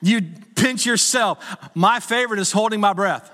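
A man's voice: high voice, normal speed, bright, forceful tone, big-room sound. A middle-aged male pastor preaching a sermon in a conversational, humorous way that rises to urgent appeals.

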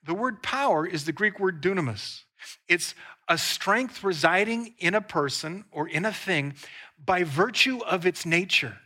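A man's voice: sits high, pushed and bright. A man preaching a sermon in a conversational, emphatic way, explaining scripture and paraphrasing dialogue. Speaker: pastor.

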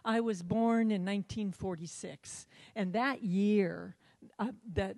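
A woman in her seventies giving an earnest church testimony, halting and often repeating her words. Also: mid-range voice, a little mellow. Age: 70s.

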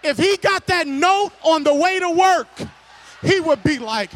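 A male preacher delivering a sermon to his congregation, emphatic and repetitive, calling out to the audience and breaking into shouts. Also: very high-pitched, expressive, a little slow, a little hiss or hum. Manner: emphatic, repeats phrases, bursts into shouts; talks directly to the audience.

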